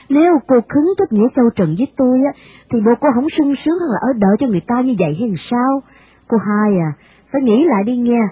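Woman doing a brash young rich scholar man, wheedling and boastful, raised pitch, very husky, mellow tone, faint music behind.

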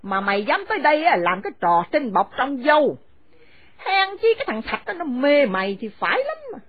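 A woman playing a shrill, furious old mother-in-law. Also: big pitch swings, brisk, husky, no echo, full character voice. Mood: furious scolding. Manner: screaming insults, shrill and scornful. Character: furious elderly mother-in-law, harsh and domineering. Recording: dry, phone-like narrow sound.

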